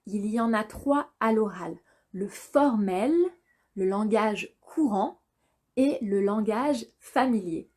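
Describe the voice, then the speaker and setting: A young woman teaching a French lesson, speaking slowly and carefully and repeating example phrases for learners. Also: medium pitch, darkish tone. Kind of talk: slow, clear language lesson.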